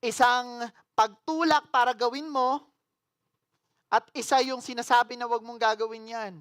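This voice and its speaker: A woman pastor giving a sermon. She mixes English phrases into her preaching, asks the congregation questions, and swings between loud declarations and hushed, earnest appeals. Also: a little high, fairly even intonation, normal speed.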